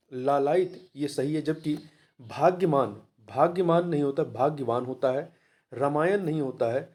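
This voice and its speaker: A man's voice: fairly high pitch, warm tone. A man teaching an exam-prep lesson, explaining answers patiently and repeating key words. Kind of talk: spoken lesson.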